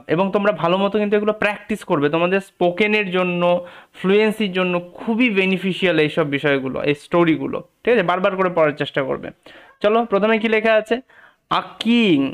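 High, smooth-voiced young male English teacher. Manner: patient, repeats meanings, often asks "ঠিক আছে?"; reads English slowly, syllable by syllable. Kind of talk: explaining an English story word by word.

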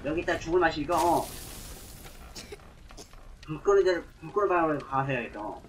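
A man's voice: on the high side, lively intonation, fairly quick, a little hiss or hum, poor audio. A man casually commentating live on a game he is playing, into a close mic. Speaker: game streamer. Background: game music.

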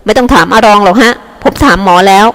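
A woman's voice: medium pitch, fast talker, fairly bright tone, natural voice. A woman reader voicing a defiant teenage boy who talks bluntly and sullenly. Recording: long hall reverb.

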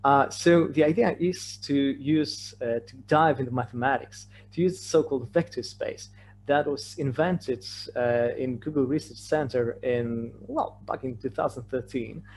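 Presenting at a conference through a shared-screen online session, a man from Poland speaks with a Polish accent in his native-accented, mid-pitched, darkish voice. The delivery is a halting lecture: hesitant, stammering over the beginnings of phrases and repeating words. A hum and slight noise run through the recording.

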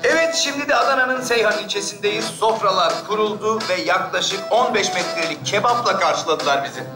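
An actor playing an upbeat TV food reporter on location. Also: male voice, high voice, fairly quick, lightly acted. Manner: upbeat presenter delivery. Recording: roomy sound, music behind.

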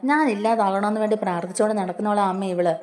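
A woman's voice: mid-range voice, steady tone, very fast, a little mellow, lightly acted. A woman voicing a bitter, suspicious young husband who hurls accusations at his wife in a retold serial scene. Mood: angry scornful. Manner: accusing, scornful outbursts.

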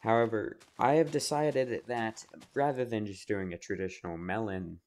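A man's voice: on the low side, steady tone, normal speed, a little mellow. A man recording a casual voice-over commentary for his own gaming video, explaining with plenty of fillers. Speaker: video creator and editor.

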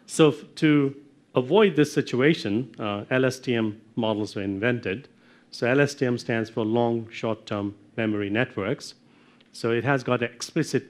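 A middle-aged man giving a technical lecture from slides, often checking in with "okay?" and clearing his throat. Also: mid-range voice. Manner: explanatory, checks in with frequent "okay?". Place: darkened lecture room with projector screen.

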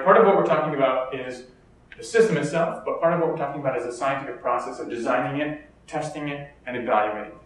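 A man's voice: fairly high pitch, a bit bright. A man with an American accent giving a conference keynote lecture, explaining steadily with the odd filler and restart. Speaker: keynote speaker. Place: lecture hall. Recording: echoey hall, distant mic.

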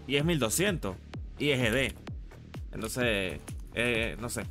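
Slow and a bit bright, his medium-pitched voice has lively intonation as he chats on a live gaming stream with faint music behind. The man has a Latin American Spanish accent and keeps things slangy and informal, with some casual swearing.

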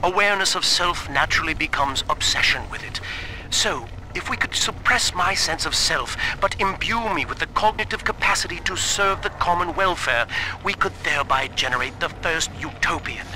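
An actor playing a polite, melancholy mad scientist turned monster in a video game, speaking in a formal, theatrical way. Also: male voice, on the high side, moderate pace, bright, forceful tone, a little hiss or hum, rough recording. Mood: lofty, wistful. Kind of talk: scripted video game voice acting.

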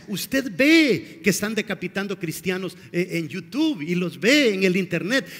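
A man's voice: very high voice, sharp tone, long reverb tail. A male pastor preaching a dramatic sermon, firing rhetorical questions at the congregation.

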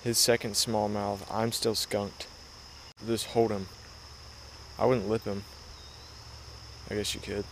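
A teenage boy vlogging a fishing trip by a creek, chatty and excited, filmed on an action camera outdoors. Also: fairly low pitch, slow, pauses often, a little hiss or hum. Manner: excited, chatty, says dude a lot. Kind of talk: casual outdoor vlog narration.

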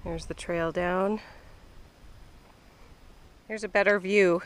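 A woman's voice: lowish voice, fairly even intonation, slow pace, slight background noise. A woman from Canada narrating a family travel vlog outdoors with eager exclamations about the view. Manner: enthusiastic, exclaiming. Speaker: sailing family member.

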